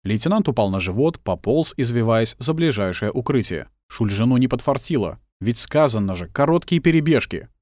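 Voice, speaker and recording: A man's voice: mid-range voice, expressive, a little fast, hardly any pauses, a little mellow, no echo, studio quality. A man reading a war novel aloud as scripted audiobook narration.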